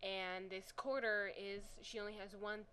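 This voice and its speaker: A woman's voice: medium pitch, steady tone, moderate pace, sharp tone, a little hiss or hum, poor audio. A woman talking casually about her own story, rambling and apologetic in a self-conscious way. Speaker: amateur storyteller. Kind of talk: casual chat to camera.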